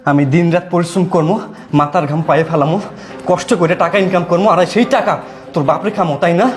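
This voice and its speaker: A man's voice: sits high, fairly even intonation, fast, natural voice. A man in a short drama playing a domineering husband who bullies and scolds his wife. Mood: angry. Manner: harsh, bullying, scolding. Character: cruel, domineering young husband. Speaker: abusive husband. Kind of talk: short-film acting. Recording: roomy, with loud music.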